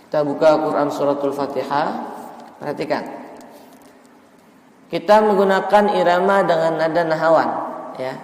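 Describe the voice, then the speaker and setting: An Indonesian man teaching melodic Quran recitation in a mosque, explaining briskly and checking on students. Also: fairly high pitch, reverberant, in a large hall, rough recording. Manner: explains briskly, then chants verses slowly in melody; checks on students often with "ya" and "paham ya". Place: mosque hall.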